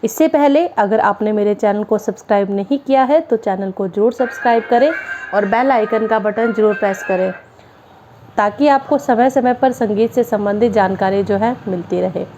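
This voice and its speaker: A woman's voice: mid-range voice, moderate pace, dark tone, slight background noise. A woman from Haryana, India, a music teacher giving a classroom-style music theory lesson, explaining each term step by step with simple definitions.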